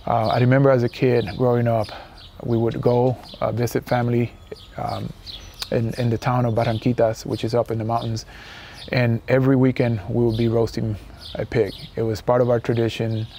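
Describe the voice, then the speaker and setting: Speaking into a lapel mic on a patio next to a house, this cooking demonstrator, a man in his forties from Puerto Rico, explains a recipe one step at a time in a laid-back way, with plenty of fillers. His Puerto Rican-accented voice is medium-pitched and warm, with a flat delivery, moderate pace and some vocal fry. Slight background noise comes through.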